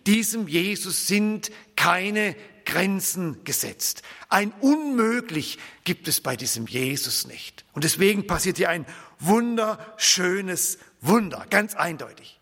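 A man preaching a sermon in a church, with emphatic, expressive delivery and frequent repetition. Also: sits high. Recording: church hall reverb.

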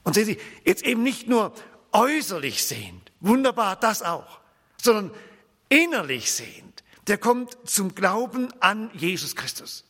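A man preaching a sermon in a church, with emphatic, expressive delivery and frequent repetition. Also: high voice, unhurried, slightly rough. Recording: church hall reverb.

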